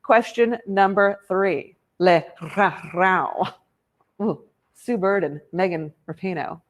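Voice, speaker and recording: A woman hosting a virtual fundraiser banquet over a video call, gushing and playful with quick asides. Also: mid-range voice. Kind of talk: upbeat emcee patter.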